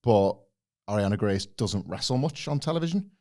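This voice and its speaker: A man's voice: fairly low pitch, expressive, moderate pace, dark tone. A man co-hosting a podcast, giving a blunt, grumbling critique in casual chat. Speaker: podcast co-host.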